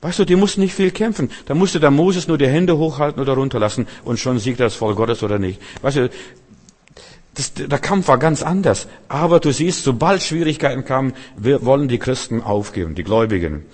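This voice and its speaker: A man's voice: mid-range voice, expressive, brisk, a little mellow. A man preaching a sermon in an emphatic, repetitive, exhorting manner, with a long hall reverb.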